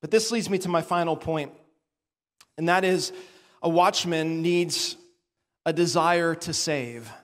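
A male pastor delivers a sermon with a fairly high voice, his preaching climbing in passion and emphasis. His words ring out with a long reverb in a church sanctuary. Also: a little slow, pauses often. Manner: impassioned preaching, rising and building in emphasis.

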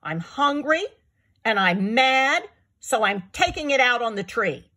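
A hot-tempered male lion from a children's storybook snaps and shouts his words, with a woman acting him out. The voice is breathy and raised in pitch, with lively swings of tone. He sounds bossy and impatient. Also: a little slow, exaggerated voice. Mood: frustrated. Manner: snapping, shouting.

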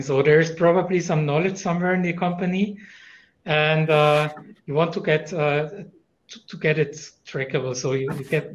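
A man's voice: fairly high pitch, muffled recording, a little hiss or hum. A man with a German accent speaking as a panelist in a conference discussion over a video call, thoughtful, with many fillers and restarts.

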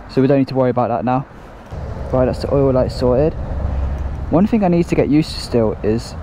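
A man's voice: mid-range voice, dark tone, rough recording. A man chatting casually to camera as a motorcycle vlogger, explaining things step by step as he rides. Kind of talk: casual chat to camera while riding. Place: outdoors on a motorcycle by the road. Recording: faint road and traffic noise.

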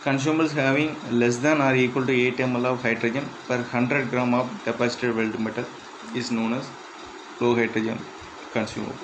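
A man reading interview questions and answers aloud in a plain, measured way, with slightly halting phrasing. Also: medium pitch, flat delivery, background noise. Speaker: instructor.

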